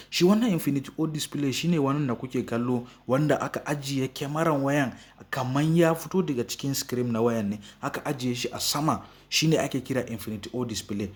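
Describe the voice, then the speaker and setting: A male tech reviewer with a Nigerian Hausa accent. He presents an unboxing as a channel host, walking viewers through a product. His voice sits at a middle pitch. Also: darkish tone, husky. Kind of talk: phone unboxing and review narration.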